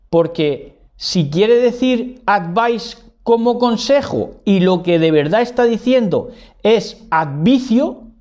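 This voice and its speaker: Slow, deliberate man lecturing. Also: sits high, darkish tone. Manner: deliberate, repeats key words, tags lines with "¿verdad?". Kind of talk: didactic monologue on words.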